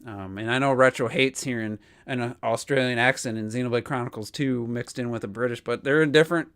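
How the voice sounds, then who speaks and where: A man's voice: medium pitch, brisk, a bit bright, clear, resonant tone. A man co-hosting a gaming podcast, chatting casually and opinionatedly, rambling with lots of fillers. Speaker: podcast co-host.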